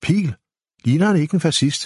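A man's voice: fairly high pitch, husky, no echo, clean studio sound, pitched above the performer's own voice. A man doing a taunting young provocateur. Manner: mocking, accusatory. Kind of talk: audiobook character voice.

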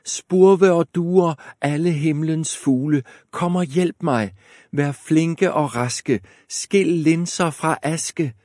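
A man voicing Askepot, a kind young girl, calling out in a slow sing-song in a storybook reading. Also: medium pitch, vocal fry, darkish tone, no echo, clean studio sound, voice pushed up.

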